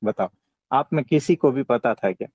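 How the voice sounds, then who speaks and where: A man with an Indian accent giving a conversational spiritual discourse, teaching in a calm, gentle way and often checking for agreement. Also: medium pitch, normal speed, no room sound. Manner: didactic, often seeks agreement with short tag questions. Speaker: spiritual teacher answering devotees' questions.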